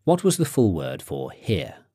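Man, lowish lively voice, dry close mic; instructor prompting phrases and explaining points. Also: a little slow, no echo. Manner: prompting questions, clear explanatory tone. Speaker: course narrator and teacher. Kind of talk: scripted instructional narration.

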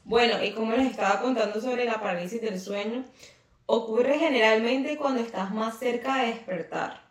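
A woman's voice: fairly high pitch, moderate pace, recorded from a distance. A woman co-hosting a casual podcast, reading facts aloud and commenting on them. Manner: chatty, reads facts aloud then comments. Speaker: podcast co-host. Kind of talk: casual chat. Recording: roomy echo, set back from the mic.

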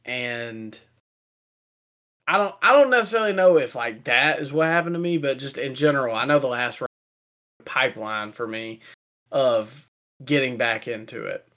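A man's voice: medium pitch, moderate pace. Chatty young man co-hosting a podcast. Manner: relaxed, chatty, laughs often. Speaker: podcast co-host. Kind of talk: casual chat.

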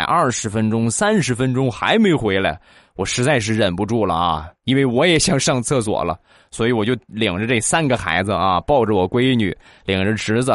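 Dude telling goofy family jokes, voice jumps all over, real dry close sound. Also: male voice, lowish voice, no echo. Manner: lively storytelling with acted voices. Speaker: comic joke teller. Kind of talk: short comic anecdotes.

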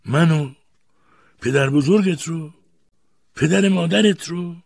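A man voicing a mocking, quick-tempered old grandfather who jeers in shrill, drawn-out outbursts. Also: creaky, a little mellow, slightly rough, dry recording, studio quality. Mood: outraged.

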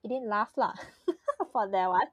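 Casting: young woman, Singaporean accent, casual Singlish chat, teasing and giggly, very lively intonation, dry recording. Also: fairly high pitch, slow pace, no echo. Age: young adult. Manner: colloquial Singlish with sentence-end particles. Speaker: podcast host.

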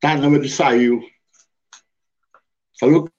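A man's voice: medium pitch, steady tone, takes it slowly, a little mellow, breathy edge. A man from Brazil, chatting over a glitchy call that keeps cutting out, laid-back and full of slang. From southern Brazil. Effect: glitchy call audio that drops out. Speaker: guest musician. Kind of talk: casual remote chat over a call. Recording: dull lo-fi call audio.

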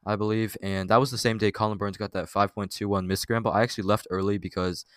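A teenage boy hosting a casual podcast chat, talking haltingly with many fillers and restarts. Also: on the low side, steady tone, fairly bright tone, no room sound. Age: teens. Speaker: podcast host.

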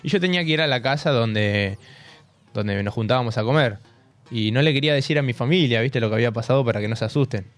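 A young man with a Rioplatense accent co-hosting a casual radio chat, telling a story in an animated way and laughing through it. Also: mid-range voice, fast talker. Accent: Rioplatense Spanish. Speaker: radio co-host. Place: radio studio.

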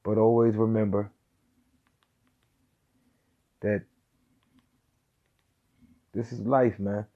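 A man's voice: lowish voice, little pitch movement, slow pace. A man giving an earnest motivational monologue in casual speech with slang and cursing, urging listeners to grow and stay focused. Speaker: host of a motivational talk. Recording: dull lo-fi recording with faint music.

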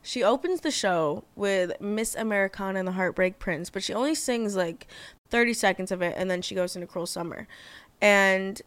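A woman's voice: medium pitch, normal speed, no echo. A young woman hosting her own podcast in casual chat, bubbly and gushing, swearing freely. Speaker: podcast host.

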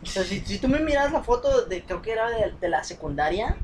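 A man's voice: high-pitched, big pitch swings, brisk, a little hiss or hum. A young man chatting casually, joking and slangy. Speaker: podcast co-host. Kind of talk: casual chat.

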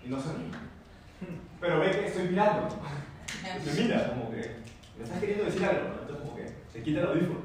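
High-voiced man in a very echoey hall. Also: fairly quick. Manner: animated, repetitive, asks the audience questions. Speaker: motivational speaker. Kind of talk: motivational talk with anecdotes. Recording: very echoey room, mic far off, faint noise.

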